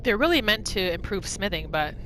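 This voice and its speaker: Here a woman talks fairly quickly at a middle pitch, narrating her roleplay gameplay with playful, casual commentary aimed at herself and the game. The low-quality recording carries a slight hiss or hum, with game music in the background.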